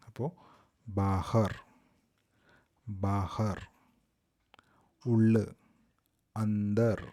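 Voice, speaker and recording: Male teacher, Malayali accent, unhurried lesson delivery with deliberate repetition, dark low tone. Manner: slow, repeats each word twice. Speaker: language teacher. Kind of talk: vocabulary lesson.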